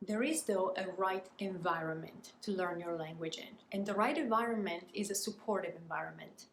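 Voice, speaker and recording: Working as a language coach, a native Italian woman from Italy delivers a prepared educational talk in an Italian accent. Her fairly low voice is a bit bright, and she speaks articulately with deliberate emphasis. Faint noise and echo fill the room.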